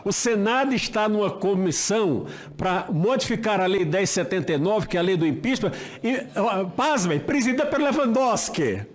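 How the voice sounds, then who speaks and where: An older Brazilian man, a former judge speaking at a senate hearing, delivers an impassioned political speech at normal speed. His voice is high-pitched and animated, full of emphasis, rhetorical questions and repeated phrases.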